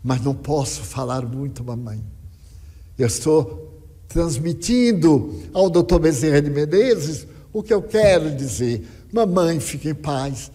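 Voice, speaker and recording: Older male speaker, husky, dramatic lecture storytelling in an echoey hall. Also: fairly high pitch, unhurried. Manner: dramatic, lively storyteller quoting others. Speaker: spiritist speaker.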